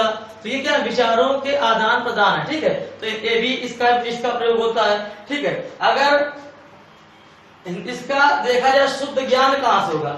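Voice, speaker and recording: A male teacher with a very high, somewhat bright voice drills repetitive question-and-answer exchanges in an exam-prep lecture, answering his own questions. Captured from a distance in an echoey room, the audio carries faint hiss.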